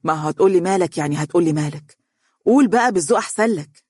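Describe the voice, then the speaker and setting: A rowdy, good-humoured young man from an audiobook story, talking quickly and joking in Egyptian dialect, with the narrator doing his voice. He sounds a little higher than the narration, and the recording is dry and close. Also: steady tone, dry recording. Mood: lively. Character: cheerful boisterous young male engineer graduate.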